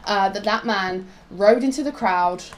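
A young Polish woman co-hosts a casual discussion of current affairs, offering strong opinions in an informal, slightly rambling way. Her voice is medium-pitched and measured in pace, and the recording has noticeable background noise.

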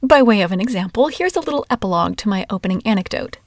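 A woman from Washington state narrating her own life story in a wry, candid, expressive way. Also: mid-range voice, racing, no echo, clean studio sound. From Washington, USA. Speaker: memoir narrator. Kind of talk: first-person storytelling.

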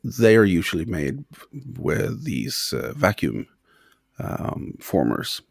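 Low creaky-voiced man telling a story. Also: wildly swooping pitch, slow, no room sound, studio quality. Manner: rambling, hesitant with many fillers. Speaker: guest telling his story. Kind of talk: casual conversational storytelling.

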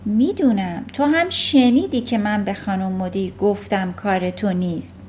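A woman doing a gentle, kind teacher. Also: mid-range voice, a little hiss or hum, natural voice. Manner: gentle, patient.

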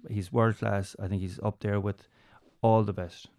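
In a somewhat low, level voice with a slight mellowness, a comedian from County Mayo chats through stories as an interview guest. The studio recording has no room sound. His west of Ireland speech is halting, full of repeated words and restarted phrases.

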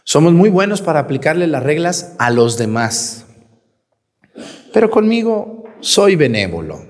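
A man's voice: fairly high pitch, big pitch swings, measured pace. Man, priest, colloquial teasing homily, rhetorical questions, long church reverb. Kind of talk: homily at Mass.

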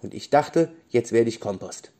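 A man's voice: medium pitch, expressive, normal speed, warm tone, close to an everyday voice. A man voicing a small, sad and anxious sunflower in a children's bedtime story, pleading as it talks.

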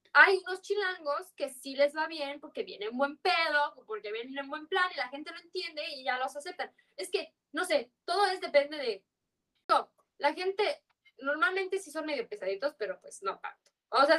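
Speaking at a moderate pace, she has a high, expressive voice with a bright, forceful tone. She's a twenty-something from Yucatán, Mexico, with a heavy local accent, casually chatting as a podcast guest and rambling along with plenty of slang and fillers.

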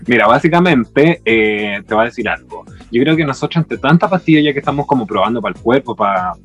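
Teasing husky-voiced Chilean man. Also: mid-range voice, animated, fairly quick, dull audio, faint music behind. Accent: Chilean Spanish. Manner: camp, teasing, mock-dramatic. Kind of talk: casual chat.

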